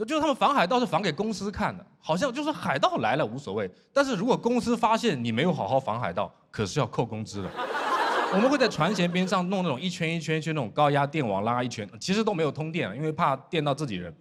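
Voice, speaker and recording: A man from Fujian performing a stand-up comedy set on stage, telling stories in an animated way and mimicking his shipmates in dry, flat asides. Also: a little high, fast, noisy background. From Fujian, China. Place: comedy stage before a laughing audience.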